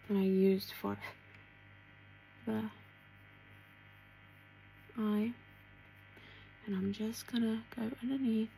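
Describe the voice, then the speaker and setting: A woman chatting casually through a makeup tutorial, talking to herself as she works and dropping into soft asides. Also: mid-range voice, gravelly, a little hiss or hum, low-quality recording. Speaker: beauty vlogger.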